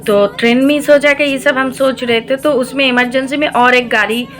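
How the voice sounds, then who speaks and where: A woman vlogger telling her viewers a personal story, slowly and hesitantly, with many pauses, filler sounds and English words mixed in. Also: sits high, fairly even intonation, soft background music. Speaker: devotional vlogger.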